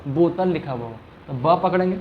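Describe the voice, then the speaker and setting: During a classroom grammar lesson, a male teacher keeps asking the same question and draws out sounds to demonstrate them, checking understanding often. His voice is on the high side and moves at a normal speed. The audio is narrow and tinny, with slight background noise.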